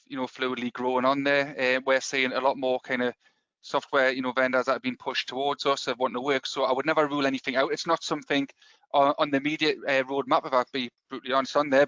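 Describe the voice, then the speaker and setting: Man, Geordie accent, rapid pace, smooth clear voice, dull lo-fi sound, webinar pitch. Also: fairly bright tone, no room sound. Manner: fast, filler-heavy sales talk. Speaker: software company presenter.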